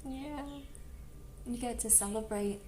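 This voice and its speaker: A woman's voice: on the high side, takes it slowly, mellow, a little hiss or hum. A woman giving a casual tarot reading to camera, chatty and giggly, with many "like" fillers. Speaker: tarot reader. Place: home room with birds nearby. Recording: roomy echo with faint background ambience.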